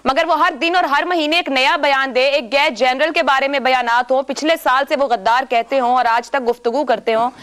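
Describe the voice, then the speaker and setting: A woman's voice: sits high, steady tone, moderate pace, hardly any pauses, a bit bright. A woman hosting a political talk show, pressing guests with pointed questions.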